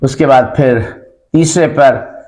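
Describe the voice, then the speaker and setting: A middle-aged man teaching an English grammar lesson, unwell and coughing, explaining slowly with pauses and fillers. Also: mid-range voice, a little mellow.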